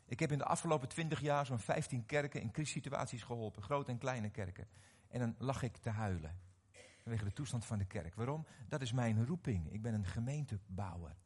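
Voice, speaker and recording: A middle-aged man preaching a sermon, animated and often questioning his audience, repeating words as he restarts. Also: mid-range voice, fairly quick, husky. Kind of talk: sermon to a live congregation.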